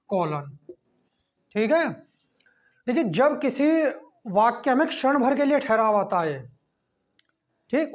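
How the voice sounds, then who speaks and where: A man teaching a class lesson, checking in with a quick "okay" between points as he explains. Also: high-pitched. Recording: dull lo-fi recording.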